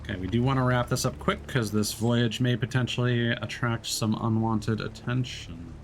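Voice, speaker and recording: A man with a medium-pitched voice streams a game at a moderate pace, explaining casually as he plays. His commentary rambles, full of fillers and restarts, over slight background noise.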